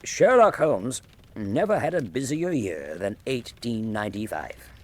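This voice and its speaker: A genial old soldier and doctor of the Victorian era in a radio drama. His medium-pitched voice moves widely as he speaks in formal, measured phrases, like a gentleman setting down his memoirs. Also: big pitch swings. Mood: reflective, grave. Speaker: narrator and character. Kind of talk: radio drama narration and dialogue.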